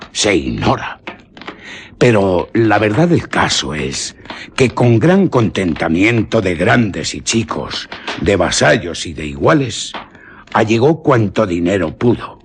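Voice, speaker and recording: Narrating suspense in a literary radio-theatre manner, a man speaks in a somewhat low, husky voice with a rough edge. He delivers it theatrically and with deliberate care.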